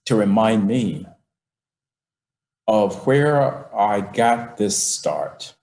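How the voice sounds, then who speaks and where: A middle-aged man telling a personal story slowly and with emphasis, acting out his father's words, recorded in his office. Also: fairly low pitch, expressive, vocal fry, a little mellow, echoey room.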